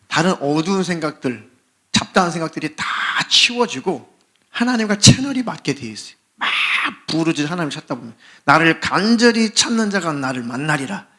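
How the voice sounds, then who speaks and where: A man, a pastor, preaching a sermon with passion and acting out pleading prayers and cries for help. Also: fairly high pitch. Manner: impassioned preaching, acts out pleading prayers and shouts. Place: church sanctuary.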